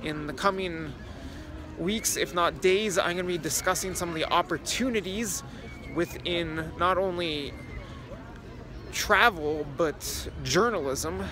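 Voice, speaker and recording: A young man films a casual walk-and-talk vlog, touring a city square at dusk with his phone camera stretched out at arm's length. He talks a little slowly, his voice sits on the high side, and there's background noise.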